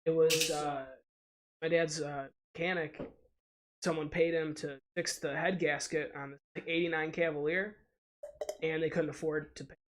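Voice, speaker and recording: A man's voice: on the high side, flat delivery, normal speed. A man co-hosting a podcast, easygoing and agreeable, telling stories in casual chat.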